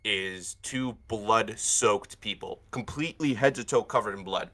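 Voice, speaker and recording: A man's voice: on the low side, a little slow, a bit bright. A man working as game master, improvising narration for a tabletop game.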